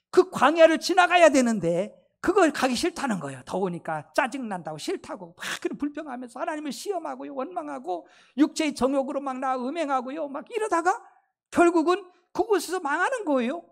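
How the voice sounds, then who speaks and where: A woman pastor delivers a fervent sermon in a high voice. She keeps calling out blessings and hallelujahs. Her pitch and loudness surge, then fall to near murmurs. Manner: sweeping rises and drops in pitch and loudness.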